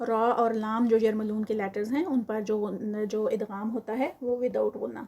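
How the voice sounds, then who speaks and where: A woman teaching a tajweed lesson. She recites verses slowly and drawn out, then explains the rules quickly. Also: fairly high pitch, steady tone, warm tone, husky.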